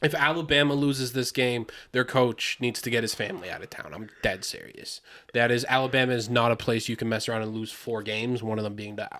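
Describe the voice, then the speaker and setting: A man's voice: medium pitch, brisk. A man hosting a podcast in a casual, rambling sports chat, joking and swearing as he goes. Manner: animated, rambling, profane, joking. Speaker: podcast host.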